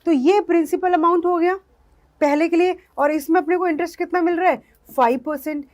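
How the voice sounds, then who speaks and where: A woman's voice: extremely high pitch, fairly even intonation, fairly quick, darkish tone. A woman maths teacher, explaining step by step and putting questions to her students. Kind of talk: online maths lesson.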